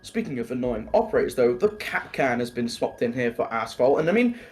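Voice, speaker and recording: A man's voice: mid-range voice, sing-song, a little fast, faint music behind. A man casting a live esports match, chatty and prone to tangents. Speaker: esports caster.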